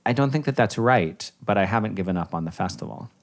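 A man's voice: fairly low pitch, animated, fast talker. A man hosting a podcast interview, talking in a reflective, affirming way. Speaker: podcast host. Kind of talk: conversational interview.

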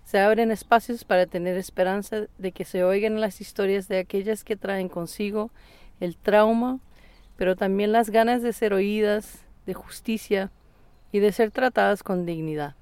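A woman host reading a scripted narration at a measured, even pace. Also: medium pitch, clean tone, no room sound.

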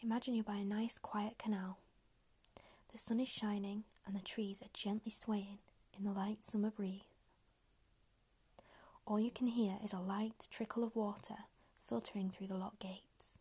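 Woman, meditation guide, whispers throughout, mellow and breathy, close-miked and unhurried. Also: medium pitch, little pitch movement. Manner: slow, soft, unhurried instructions.

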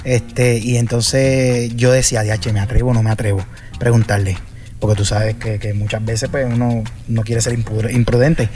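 A man's voice: medium pitch, little pitch movement, moderate pace, mellow. Puerto Rican male singer, rambling storyteller, fillers galore, light music bed. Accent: Puerto Rican Spanish. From Puerto Rico. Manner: chatty storyteller, many fillers and restarts. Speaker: salsa singer, guest. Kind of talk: casual interview chat.

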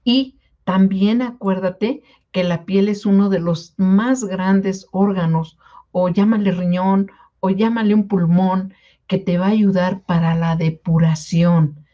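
A woman's voice: medium pitch, fairly even intonation, slow, highs cut off. A woman from Mexico giving an informal health talk to product distributors, coaxing them along and often checking in with a questioning "¿sí?". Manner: coaxing, repeats "¿sí?" to check in with listeners. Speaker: wellness product presenter.

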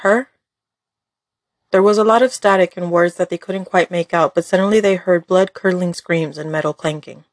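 A woman's voice: fairly low pitch, steady tone, fairly quick, few pauses, no room sound, clean studio sound. A woman reading scripted story narration as the narrator.

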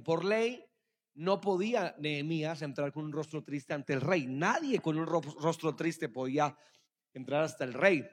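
Male preacher, high register, lively delivery that drops soft then bursts loud, long church-hall reverb. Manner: animated, calls out to the congregation, swings between soft and loud. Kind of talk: congregational sermon.

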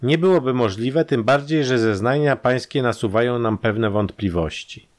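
A man voicing a calm, dry, persistent police detective who questions with pointed emphasis. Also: medium pitch, normal speed, voice pushed up, lightly acted. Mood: probing.

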